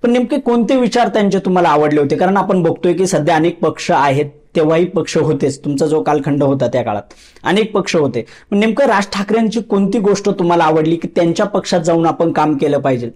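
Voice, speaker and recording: A man hosts an interview for a news channel. He asks probing, leading questions, often restating what the guest has just said. His voice sits high for a man. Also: fast talker, a little mellow.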